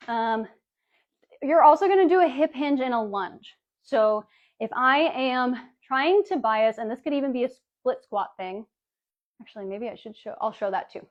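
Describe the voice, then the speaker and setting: A woman fitness coach giving a casual live workout demonstration, chatty and breezy, calling her viewers baby and girlies. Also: on the high side. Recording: dull lo-fi livestream audio.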